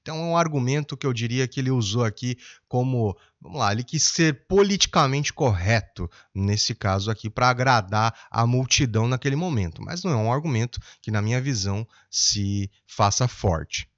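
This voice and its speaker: A man speaks as a behavior analyst, calm and methodical, pausing to explain each point. His pitch rises and falls with lively emphasis. The voice sounds dry and close, with slightly muffled, lo-fi highs. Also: dry recording. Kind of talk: commentary on video clips.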